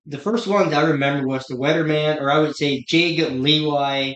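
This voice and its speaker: Curious host with Pennsylvania Dutch accent. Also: male voice, a little high, fairly even intonation, a little fast, a bit bright, dull audio. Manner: curious, friendly questioning. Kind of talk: casual interview chat. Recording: roomy echo.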